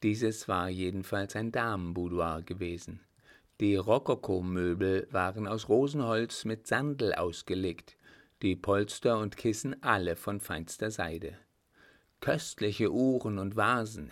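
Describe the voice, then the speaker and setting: A man reading a historical novel aloud in a measured storytelling manner. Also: fairly low pitch. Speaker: audiobook reader. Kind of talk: scripted narration.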